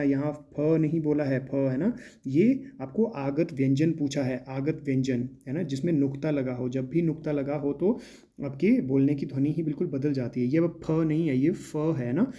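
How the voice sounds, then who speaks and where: A man teaching as he works through mock exam questions, often checking in with the class and pausing with drawn-out hesitations. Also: medium pitch, mellow. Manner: repetitive, checks in with "है ना" and "ठीक है".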